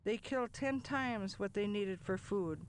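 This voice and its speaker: Very old man, grave, high-voiced. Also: measured pace, slight background noise, rough recording. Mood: grave, reproachful. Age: older. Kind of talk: scripted game character dialogue.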